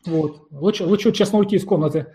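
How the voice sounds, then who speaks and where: Мужчина-ведущий с немного высоким голосом ровно и спокойно обращается к участникам эфира. Говорит негромко и доброжелательно-деловито. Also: male voice, high-pitched, fast talker, warm tone. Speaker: talk show host. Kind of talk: hosting a live online talk show.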